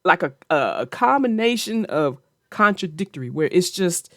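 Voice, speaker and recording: A woman hosts a children's read-aloud, narrating a picture book and chatting about it in simple, explanatory terms. Her voice is on the low side, sing-song and fairly bright at a normal pace, captured in clean studio sound with no echo.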